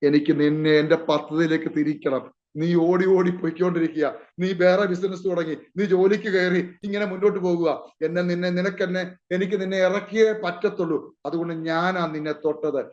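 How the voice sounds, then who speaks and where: Hushed, calm God figure done by a male preacher; somewhat high voice on a dull recording. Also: normal speed, lightly acted. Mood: reassuring. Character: God speaking gently to a man, calm and fatherly. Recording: muffled lo-fi recording.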